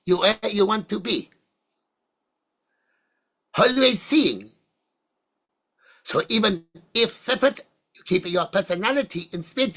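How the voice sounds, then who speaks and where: A trance medium of ambiguous-sounding sex channelling spirits like at a seance, speaking in halting, deliberate, oracular fragments with a husky voice. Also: medium pitch, fairly bright tone. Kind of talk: trance channelling talk in the manner of a seance medium, answering questions.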